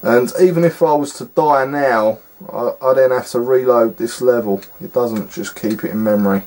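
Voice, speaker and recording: A man's voice: medium pitch, normal speed, a little mellow, a little hiss or hum. Exasperated man reviewing a game. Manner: exasperated, scornful, rambling with fillers. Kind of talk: casual gameplay commentary.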